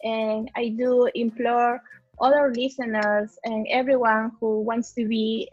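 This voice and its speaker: A woman's voice: on the high side, dry recording, dull audio. A young woman from Peru, a guest speaking earnestly in a casual discussion and using many fillers. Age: young adult.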